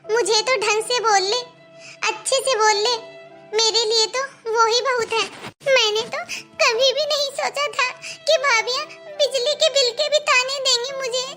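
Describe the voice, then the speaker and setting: Cartoon mom, gentle and hurt, high bright voice, played by a woman. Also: steady tone, a little slow, soft background music, exaggerated voice. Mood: sad. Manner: pleading, soft-spoken. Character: hurt, gentle mother defending her daughter. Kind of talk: cartoon voice acting.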